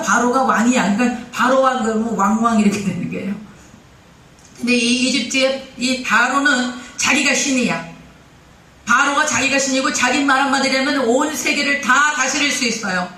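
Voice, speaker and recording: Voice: mid-range voice, sharp tone, echoey room, far from the mic, low-quality recording. A pastor preaching a sermon, putting questions to the congregation and answering them. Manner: acts out quoted speech in character. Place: church sanctuary.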